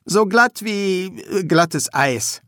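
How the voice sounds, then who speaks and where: A man voicing a troubled young male assassin student who talks in a hesitant, halting way. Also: fairly high pitch, lively intonation, no room sound, clean studio sound, voice pushed up. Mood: uneasy.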